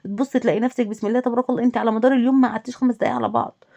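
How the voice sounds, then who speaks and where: A woman's voice: on the high side, fairly even intonation, very fast, gravelly, warm tone, highs cut off. A woman with an Egyptian Arabic accent, a home lifestyle vlogger giving casual advice straight to women viewers, listing and repeating her points. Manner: talks directly to the listener, listing and repeating points.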